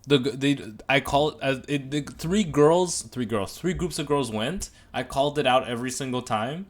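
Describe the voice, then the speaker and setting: A man's voice: medium pitch, brisk. A man co-hosting a podcast, chatting casually and rambling through jokes and opinions. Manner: joking, rambling, animated asides. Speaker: podcast co-host reviewing a TV show. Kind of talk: casual chat.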